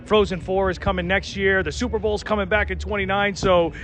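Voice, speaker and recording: A man's voice: fairly even intonation, a little fast, a bit bright, slight background noise. A man promoting his sports venue in an interview, upbeat and full of "you know" fillers, recorded outdoors. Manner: upbeat pitch, many fillers. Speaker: venue operator.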